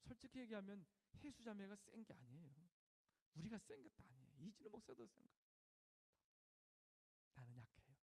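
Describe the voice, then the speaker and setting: A man's voice: high-pitched, big pitch swings, normal speed, long pauses, darkish tone, breathy edge, long reverb tail. A middle-aged male pastor preaching a sermon, asking the congregation questions and acting out prayers with a raised voice. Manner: asks the congregation questions and has them repeat after him.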